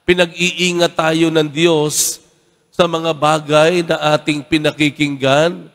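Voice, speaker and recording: Male priest, homily, higher voice, chatty storyteller, ends phrases with "no?", long church echo. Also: takes it slowly. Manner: conversational, tags "no?" after phrases; animated storyteller, acts out quoted voices. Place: large church.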